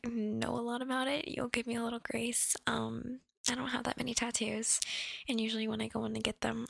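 A woman's voice: a little high, vocal fry, sharp tone, breathy edge, no echo. A young woman audio creator whispering a casual, rambling update to her listeners while chewing gum. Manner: rambling, affectionate, with little laughs.

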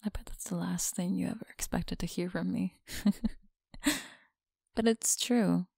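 A young woman voicing a teasing, possessive school bully in an ASMR roleplay, speaking in a slow, mocking, breathy whisper close to the mic. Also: fairly low pitch, steady tone, warm tone, dry recording, full character voice.

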